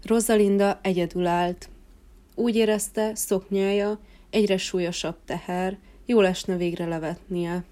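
A woman calmly reading a children's fairy tale aloud in a gentle narrating voice. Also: medium pitch. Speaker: storyteller. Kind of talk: storybook reading.

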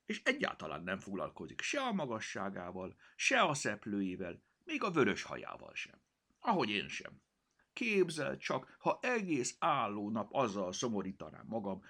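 A vain, touchy house cat, played by a male narrator drawls its lines with pompous mock drama. The voice leaps up high and swoops around widely, with a husky texture. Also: wildly swooping pitch, pushed and bright, full character voice.

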